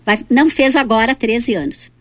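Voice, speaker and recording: A middle-aged woman from southern Brazil with a Rio Grande do Sul accent, a city councillor reminiscing in a relaxed interview and tagging her sentences with questions. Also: on the high side, normal speed. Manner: reflective, tags sentences with "né?". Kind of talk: casual reminiscing conversation.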